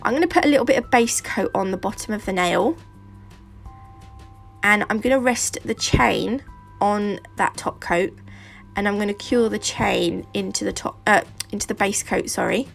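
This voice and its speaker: A British woman with a sore throat and blocked nose gives a casual at-home nail tutorial in a gravelly, thick voice. Medium-pitched and moderately paced, she rambles cheerfully, drifting into fillers and asides while faint music plays softly in the background.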